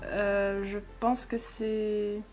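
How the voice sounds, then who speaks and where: A woman's voice: mid-range voice, little pitch movement, very slow, darkish tone, faint music behind. A woman hosting an English-learning channel, giving reaction commentary, explaining pronunciation step by step and thinking aloud as she sounds out words.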